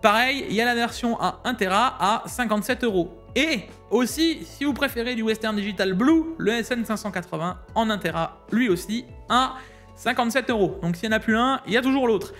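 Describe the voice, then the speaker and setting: Brief: high-voiced man from Alsace, chatty tech-deals host, faint music underneath. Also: a bit bright. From Alsace, France. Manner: fast, chatty, slangy, laughs often. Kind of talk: casual deal rundown.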